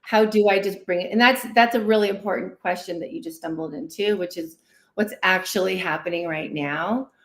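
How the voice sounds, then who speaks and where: Mid-range and brisk, a woman guest therapist and licensed clinical social worker explains conversationally in an echoey room for a livestream interview. She is animated, acts out inner dialogue, and frequently tags sentences with "right?". The sound is roomy and echoey.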